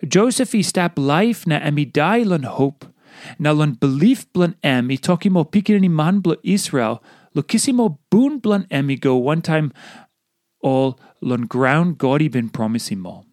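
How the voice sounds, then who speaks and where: A man with a Papua New Guinean accent reads a devotional in pidgin. His voice sits a little high and moves in a very lively, expressive way. The sound is close and dry, with almost no room. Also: a little slow, no room sound. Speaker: devotional reader.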